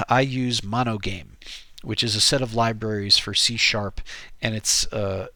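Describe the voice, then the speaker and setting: Slow, nasal American man with a cold. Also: fairly low pitch, steady tone, sharp tone, no echo. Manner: rambling, with many fillers and restarts. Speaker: streamer and game developer. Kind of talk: casual live-stream chat.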